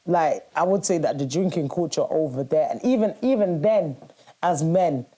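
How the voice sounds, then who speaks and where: A woman co-hosting a casual discussion, telling stories in an animated, slangy way. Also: sits low, moderate pace. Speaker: podcast co-host.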